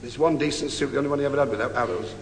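A comedian giving a stand-up monologue, telling a mock-sentimental story in flowery, overblown phrasing. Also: male voice, medium pitch, rapid-fire. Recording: reverberant live hall, loud noise, audience laughter.

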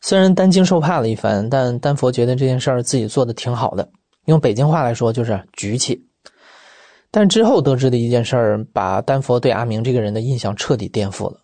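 A man reading scripted documentary narration in a smooth, even way. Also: mid-range voice, brisk, no room sound.

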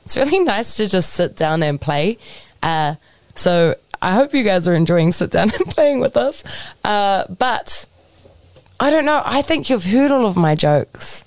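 A young woman with a New Zealand accent co-hosting a community radio show, chatty and quick to laugh. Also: medium pitch, sing-song, darkish tone, no room sound. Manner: bubbly, laughs often, chatty with fillers. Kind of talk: casual radio chat. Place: community centre studio.

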